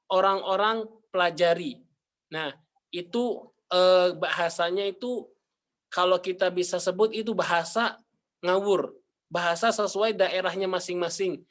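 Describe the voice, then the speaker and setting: A young man with an Indonesian accent giving a class presentation, pausing often with fillers and restarts. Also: high-pitched, fairly bright tone. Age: young adult. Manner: hesitant, many fillers and restarts. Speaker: university student presenter.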